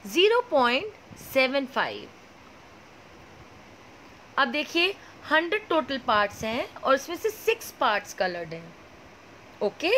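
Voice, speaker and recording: Lively high-voiced woman teaching maths. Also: slight background noise, low-quality recording. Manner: asks questions and answers them herself; slow, clear explaining with many checks like "okay?". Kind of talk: classroom lesson.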